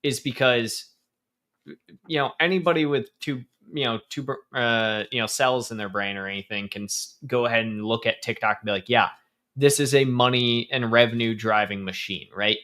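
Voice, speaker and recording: A man's voice: medium pitch, moderate pace, bright, forceful tone. A man co-hosting a live show, chatting casually with many fillers and stammered restarts. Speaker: co-host. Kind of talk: casual live-stream chat.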